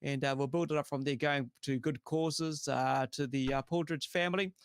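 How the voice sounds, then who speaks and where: A man's voice: mid-range voice, steady tone, moderate pace, no room sound, studio quality. A man with a broad New Zealand accent hosting a casual motorsport chat show in a blokey, slangy, effusive way. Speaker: show host.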